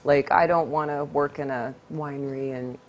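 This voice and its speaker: A woman's voice: deep voice, fairly even intonation, normal speed, a little hiss or hum. Chatty, easily laughing American woman guest. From United States. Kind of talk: casual interview.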